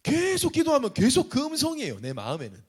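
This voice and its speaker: A man's voice: extremely high pitch, huge pitch swings, quick pace. A young adult man, a pastor, preaching a conversational sermon with rhetorical questions.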